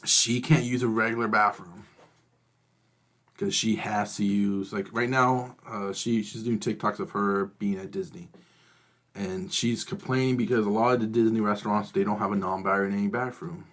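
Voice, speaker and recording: A man co-hosting a podcast, talking in a halting, hesitant way full of fillers and restarts. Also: lowish voice, fairly even intonation, fairly bright tone. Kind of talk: casual chat.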